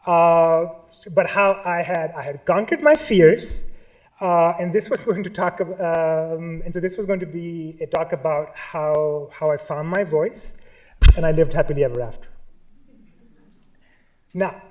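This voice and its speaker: The artist, a man with a Pakistani accent, talks at a museum in a fairly high voice that runs a little slow. He sounds nervous, stumbling through ums, restarts and asides.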